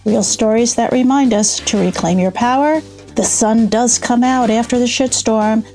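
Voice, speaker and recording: A podcast host in her sixties from New York State, with a New York accent, delivers an upbeat intro and interview in an enthusiastic, chatty way. Her voice sits on the high side with a dark tone at a moderate pace, and faint music plays behind her.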